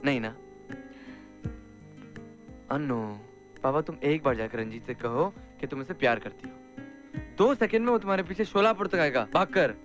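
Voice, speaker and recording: A man's voice: on the high side, expressive, normal speed, long pauses, faint music behind, lightly acted. A man playing a teasing young college buddy. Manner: teasing, reassuring. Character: playful young male college friend. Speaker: college friend. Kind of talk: film dialogue.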